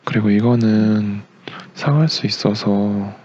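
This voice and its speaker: A young man acting as a gentle, doting boyfriend in a romantic ASMR role-play, a tender leading man with a soothing, murmured, partly whispered delivery. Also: fairly low pitch, takes it slowly, muffled recording. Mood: soft, content. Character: doting, gentle young boyfriend caring for his sick girlfriend.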